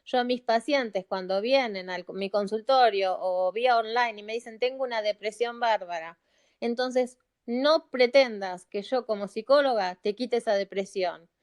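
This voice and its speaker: Earnest Argentine woman, smooth higher voice. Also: moderate pace. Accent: Argentine Spanish. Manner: earnest and pleading, repeats phrases for emphasis. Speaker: psychologist speaking as a caller in a live audio chat. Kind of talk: heartfelt appeal to listeners. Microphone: phone or computer mic in a live audio room.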